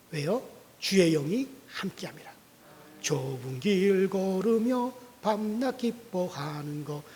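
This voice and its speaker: A man's voice: extremely high pitch, big-room sound. A male pastor giving a dawn prayer sermon, preaching with animation and putting questions to the congregation.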